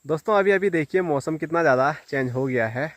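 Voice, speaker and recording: Walking outdoors in a forest, a vlogger from a village in the northern Indian Himalayan hills chats away to his viewers in a casual walk-and-talk. His voice is on the high side and quick-paced. There's no room sound, just faint music along with insects and rural sounds in the background.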